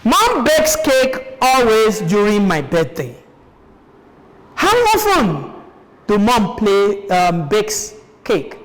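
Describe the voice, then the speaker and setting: A woman's voice: medium pitch, very animated, slow pace, a little hiss or hum. A Nigerian woman teaching a televised primary-school lesson, asking questions and repeating sentences for pupils. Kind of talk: classroom lesson on TV. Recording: echoey room with long reverb.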